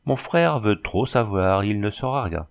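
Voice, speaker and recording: A laconic young Native woman guide speaks in brief, formal phrases, cool and unhurried, as a man reads her aloud. The voice sits fairly low and carries a gravelly edge. An audiobook character voice. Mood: cold. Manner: terse, formal, calm.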